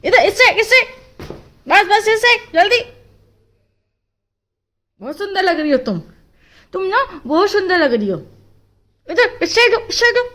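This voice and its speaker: A woman calling and coaxing her dog in a high, loud, playful voice. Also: sing-song, a little slow, long pauses, full character voice.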